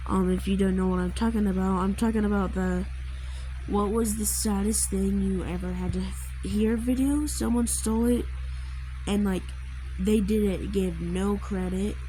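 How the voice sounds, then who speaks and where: Drawing as she talks, a woman gives casual commentary explaining her creature design, rambling and halting with trailing asides. Her mid-range voice is dark with fairly even intonation, on a rough recording with slight background noise.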